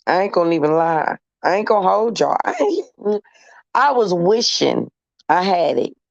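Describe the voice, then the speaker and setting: A woman's voice: on the low side, moderate pace, gravelly, no room sound, highs cut off. Profane woman telling a story on stream. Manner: profane, animated, mocking. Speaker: live streamer. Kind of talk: casual live-stream storytelling.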